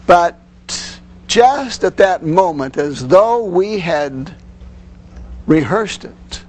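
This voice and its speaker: Male lecturer, slightly higher voice, measured teaching delivery, acts out sample lines. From United States. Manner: measured, acts out example phrases. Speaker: parenting course lecturer. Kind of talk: instructional lecture.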